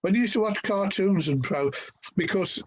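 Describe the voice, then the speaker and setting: A man's voice: high voice, moderate pace, a little hiss or hum. A man interviewing a guest in a casual chat, asking loose, rambling questions full of fillers.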